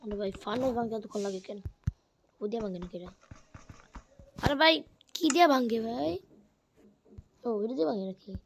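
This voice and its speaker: Excitable gamer woman, fairly high voice, faint hiss behind. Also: moderate pace, creaky, pauses often. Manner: excitable, keeps saying "bhai". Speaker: gamer streamer. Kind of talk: casual gameplay commentary.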